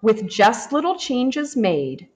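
This is a slow, gentle storybook read-aloud by a woman who sounds like a teacher addressing her class. Her voice is lively and expressive, rising and falling widely to keep children engaged, and her tone never loses its warmth. The shot is from above the book, showing her hands turning pages.

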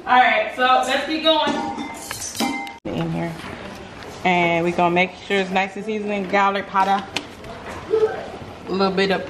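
Relaxed, dry-humored middle-aged mom cooking. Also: female voice, mid-range voice, measured pace, long pauses, music in the background. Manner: relaxed, dry, brushing off teasing. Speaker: mother cooking on camera. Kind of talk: casual cooking demonstration. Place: home kitchen. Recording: noisy kitchen with frying sizzle.

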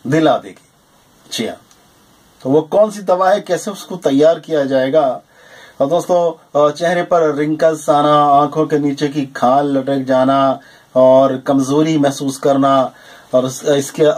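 A man in his forties animatedly explaining a herbal home remedy to viewers, with frequent emphatic affirmations, recorded at desk distance in a small room. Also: fairly high pitch. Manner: animated and emphatic, with repeated "jī hāṃ" and "ṭhīk hai". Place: small indoor room lined with shelves of medicine bottles.

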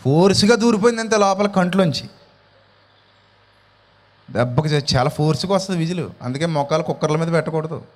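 High-voiced preacher man in a reverberant hall. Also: fairly quick, long pauses. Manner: animated preaching with rhetorical questions. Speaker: pastor. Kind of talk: sermon.

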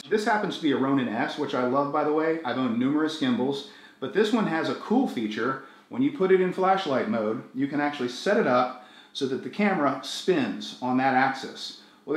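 Middle-aged man explaining gear in echoey room. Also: mid-range voice. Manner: friendly, clear step-by-step explaining. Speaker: video tutorial host. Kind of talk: gear how-to tutorial. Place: small room indoors, echoey.

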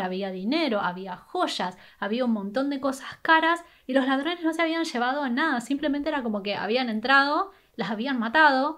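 A woman's voice: on the high side, a bit bright. A young woman with an Argentine Spanish accent tells a true crime story in a casual, conversational way while doing her makeup, dropping "eh" and "¿no?" along the way. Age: young adult. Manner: conversational, brisk, with filler "eh" and "¿no?". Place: small bedroom indoors. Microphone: webcam or camera at desk distance.

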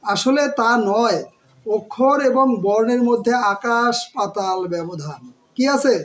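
In a low-quality recording with a bit of hiss or hum, a man with a very high voice teaches grammar for an upcoming exam. He quizzes the class and supplies the answers himself, drawing out each syllable as he slowly repeats words.

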